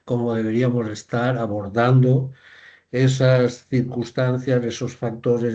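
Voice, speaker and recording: Mellow-voiced older man explaining in a dull recording. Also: fairly low pitch. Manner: measured, explanatory, with tag questions. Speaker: professor, guest. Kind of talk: academic interview. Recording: dull lo-fi sound.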